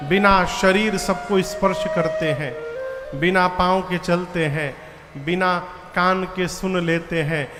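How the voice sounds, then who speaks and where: A man's voice: high voice, a bit bright. A man giving a melodic devotional discourse to a live audience, chanting verses and telling stories. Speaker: spiritual preacher, storyteller. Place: large hall before a live audience. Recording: reverberant hall with flute music.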